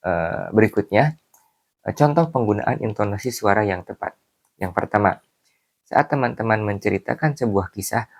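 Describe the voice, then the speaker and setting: A male teacher giving a calm video lesson to schoolchildren, explaining step by step with frequent fillers. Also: lowish voice, creaky. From Indonesia.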